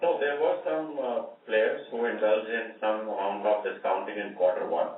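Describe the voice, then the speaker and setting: Guy, exec on an earnings call, lowish voice, kinda far off, heavy echo. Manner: measured, many fillers, repeats "see" and "right?". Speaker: company executive answering analysts. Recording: echoey distant phone line.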